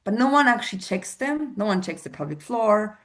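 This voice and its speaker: A woman's voice: mid-range voice, big pitch swings, a little fast. A woman from Poland with a Polish accent, a fitness coach answering interview questions earnestly, with many fillers and restarts.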